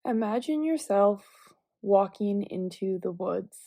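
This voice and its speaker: Leading a guided visualization meditation, a woman speaks in a medium pitch, measured, calm, and gentle, pausing at length between phrases. No room sound is audible.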